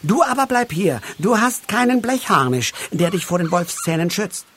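A man voicing a small, excitable man in tin armor in a storybook reading, with high, drawn-out exclamations. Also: slightly rough, exaggerated voice. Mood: earnest.

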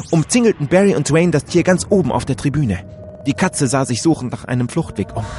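A man reading a first-person story aloud in a dramatic, animated way, switching into voices for the characters. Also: medium pitch. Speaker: audiobook reader.

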